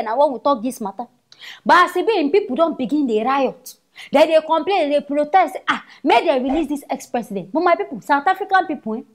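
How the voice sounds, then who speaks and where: A woman with a Nigerian accent giving casual, scolding commentary as a vlogger. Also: high voice. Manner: animated, scolding.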